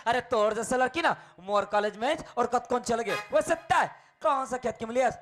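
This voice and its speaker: A man's voice: very high-pitched, moderate pace, fairly bright tone, faint music behind. A man playing a cocky, hot-headed young college student in comic folk theatre, with a Chhattisgarhi accent. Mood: annoyed, challenging. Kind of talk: comic folk stage acting.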